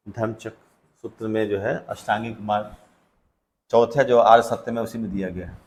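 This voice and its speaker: A male teacher going through test answers with students in a classroom, conversational and full of questions to them. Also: mid-range voice. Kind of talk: classroom test solution lecture.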